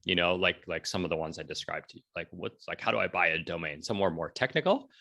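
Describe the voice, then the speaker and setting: His voice sits low and gravelly, and he talks fast. A forties-aged entrepreneur and blogger in an informal interview, he recounts stories with gusto, acts out quoted exchanges, and frequently drops a "right?".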